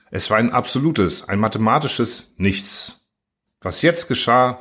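Husky low-voiced male narrator. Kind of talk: audiobook narration of a literary story.

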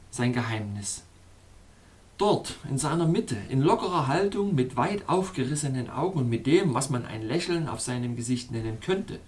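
A man reading a fairy-tale audiobook in the first person, in a measured, expressive way. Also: mid-range voice. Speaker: narrator. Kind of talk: scripted audiobook narration.

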